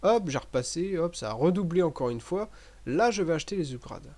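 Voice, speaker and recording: A man giving relaxed, chatty commentary over a game he is playing, with many fillers and restarts. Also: fairly high pitch, brisk. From French-speaking. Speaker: gaming commentator. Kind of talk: casual gameplay commentary.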